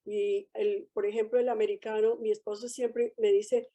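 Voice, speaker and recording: A woman taking part in a church class discussion, speaking earnestly and measured. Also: mid-range voice, little pitch movement, warm tone. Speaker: class participant. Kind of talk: group discussion.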